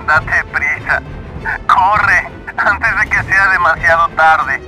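Guy doing a scared trapped man in an audio drama, high voice, slow desperate pleading, music under it. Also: sharp tone, full character voice, low-quality recording. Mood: resigned urging. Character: terrified man pleading from a tomb.

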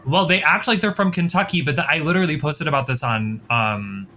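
A man's voice: fairly high pitch, animated, a little fast, sharp tone, slight background noise. A man hosting a podcast in casual chat, with a wry, gossipy way of talking. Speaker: podcast host.

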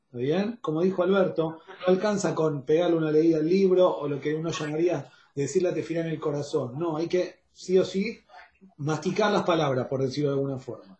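A man with a Rioplatense Spanish accent teaches an online Talmud class, laying out each point step by step and pausing to check that everyone follows. His voice sits fairly high for a man. The sound carries a roomy echo. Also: a little mellow. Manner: explains step by step, checks in with "¿está bien?". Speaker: Torah teacher.

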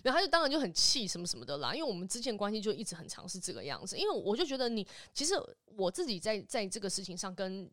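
A woman in her thirties with a Taiwanese Mandarin accent, co-hosting a podcast and telling stories in a lively, laughing way. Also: mid-range voice, dry recording, studio quality. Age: 30s. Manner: animated storyteller, quick to laugh. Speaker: podcast co-host. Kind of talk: casual chat.

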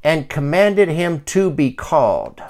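A man in his fifties preaching a sermon, reading scripture slowly and moving from quiet asides to loud calls to pray. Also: a little high, sing-song. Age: 50s. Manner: reads scripture slowly and deliberately. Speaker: pastor.

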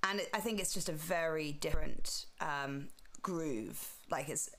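A woman's voice: sits low, unhurried, fairly bright tone. A woman speaking as a musician guest in a casual interview, informal and tentative, letting phrases trail off. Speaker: interview guest, classical pianist.

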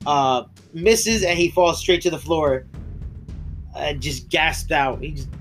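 A man with a slightly high voice talks through a show's plot in a loose, rambling way. He restarts sentences often, laughs at the scenes he describes, and coughs as his voice breaks. Faint music plays underneath. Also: slow, fairly bright tone. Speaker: podcast co-host. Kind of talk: casual recap chat.

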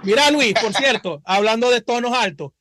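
Man, Zulian Venezuelan accent, co-host, bright small voice, teasing and slangy, casual chat. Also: very high voice, animated, moderate pace, slight background noise. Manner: teasing, slangy, calls others papi.

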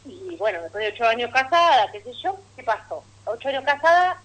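Fairly quick and sing-song, this slightly high, fairly bright woman's voice comes through a low-quality recording. She's an Argentine stand-up comic with a Rioplatense accent doing a radio monologue, telling anecdotes, chatting with listeners, and laughing at her own punchlines.

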